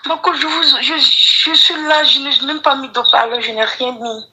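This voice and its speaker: A woman's voice: high voice, normal speed, over a noisy crowd. A woman calling an advice show. She is polite and hesitant and keeps addressing the host as her coach. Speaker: caller asking for advice. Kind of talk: phone call to an advice show. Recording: tinny phone line.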